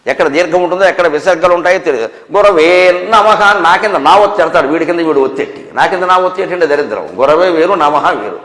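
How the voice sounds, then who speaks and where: A high-pitched man preaches a spiritual discourse to a gathered audience. He scolds with rhetorical questions and dry humour. His voice rings out with a long reverb tail in a large hall. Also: a bit bright.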